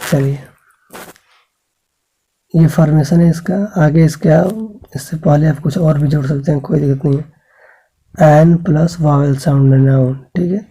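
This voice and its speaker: Man, grammar teacher, patient school lesson, very mellow tone, slightly raspy. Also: on the high side, fairly even intonation, low-quality recording. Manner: asks questions and answers them himself, keeps checking in with the class; slow, patient spelling-out of sounds.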